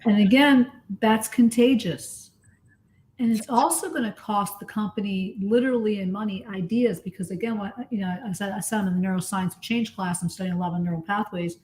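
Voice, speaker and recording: A woman's voice: medium pitch, fairly quick, darkish tone. A woman coach in a casual discussion, talking in an earnest, explanatory and emphatic way. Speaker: coach and guest.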